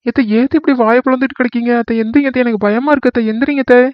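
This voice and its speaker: A man's voice: very high-pitched, steady tone, fast, smooth, no echo, lo-fi sound. A man doing a frightened young daughter-in-law. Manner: whining, pleading.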